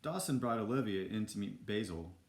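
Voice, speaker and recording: Male storybook reader, lowish voice, casual asides, echoey room. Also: expressive, brisk. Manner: casual, self-deprecating asides. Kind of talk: reading a children's book aloud with casual asides.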